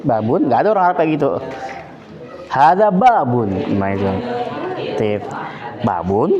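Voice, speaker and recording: A man's voice: mid-range voice, dull audio. A man with an Indonesian accent teaching an Arabic lesson in a boarding school class, drilling pupils with questions and explaining in Indonesian. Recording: roomy classroom with pupils' chatter.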